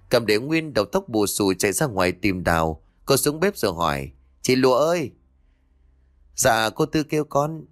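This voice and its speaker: A man narrating a scripted ghost story with expressive, varied intonation. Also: fairly low pitch.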